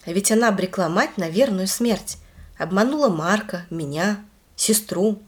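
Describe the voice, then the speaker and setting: Woman storyteller, mid-pitch, emphatic and lively, telling a story to her child. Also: moderate pace.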